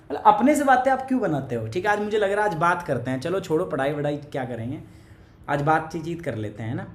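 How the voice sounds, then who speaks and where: A man's voice: fairly high pitch, big pitch swings, fast talker. A male teacher with a cough, giving a chatty live online class and teasing viewers by name. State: has a cough. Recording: echoey room.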